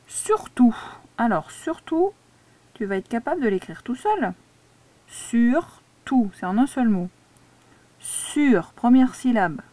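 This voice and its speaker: A woman teacher dictates to a young pupil, breaking each word into syllables and spelling the tricky letters. She speaks very slowly and calmly in a slightly high voice. The recording is dry and close. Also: no echo. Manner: patient, spells out words syllable by syllable. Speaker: primary school teacher. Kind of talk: slow dictation lesson for a child.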